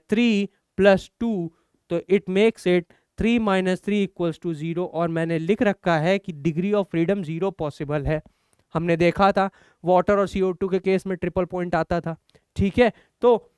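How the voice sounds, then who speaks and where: A man's voice: high voice, smooth, dry recording, clean studio sound. A man teaching chemistry, encouraging and explaining step by step with rhetorical questions. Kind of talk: online exam-prep lecture.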